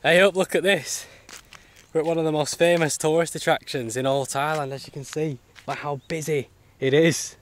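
A man's voice: on the high side, fairly even intonation, moderate pace. A man chatting casually to camera as a travel vlogger, colloquial and matey, with mild swearing. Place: outdoors on rural roads and temple grounds. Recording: outdoor ambient and motorbike noise.

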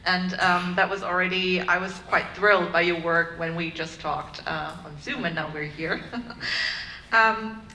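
A woman's voice: fairly low pitch, fairly even intonation, a little slow, pushed and bright. A woman in her thirties moderating a panel discussion, upbeat, filling her questions with "um" and "kind of". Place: conference room with audience. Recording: echoey room, faint room noise.

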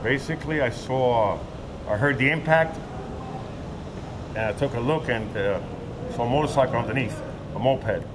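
Standing on a covered sidewalk beside a street, an older eyewitness recounts what he saw in a plain, hesitant way, using fillers. He speaks at a moderate pace with long pauses in a medium-pitched voice, while street noise plays in the background.

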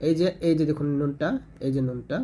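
A man's voice: fairly high pitch, fairly even intonation, quick pace, dark tone. A man teaching Quran reading rules in a patient tutorial, repeating points and demonstrating recitation. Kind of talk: explanatory tutorial lesson.

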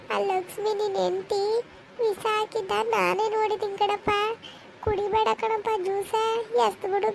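A woman's voice: extremely high pitch, creaky, a little mellow, a little hiss or hum. A woman playing a scheming village mother in an amateur skit, wheedling and pleading.

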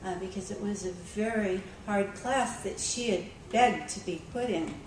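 A woman's voice: medium pitch, normal speed. A woman librarian giving a conversational conference talk, telling a story with frequent ums and restarts. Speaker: school librarian speaking at a conference. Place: conference room. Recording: echoey hall, recorded from far off with background noise.

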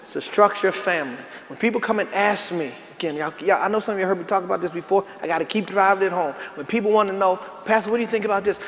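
High-voiced preaching pastor in echoey hall. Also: male voice, racing, few pauses, fairly bright tone. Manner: preaching with rising emphatic bursts; folksy, calls out to the congregation. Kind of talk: sermon. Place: large church sanctuary. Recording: echoey church hall with faint noise.

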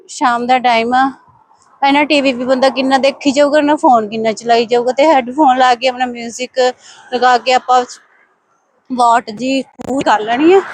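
A woman with a high-pitched voice talks casually to her viewers. Her delivery is a chatty, exclamatory running commentary, recorded on a walk outdoors with faint ambient noise behind her. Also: poor audio. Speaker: vlogger. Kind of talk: casual walking vlog chat to viewers. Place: outdoors, walking along streets.

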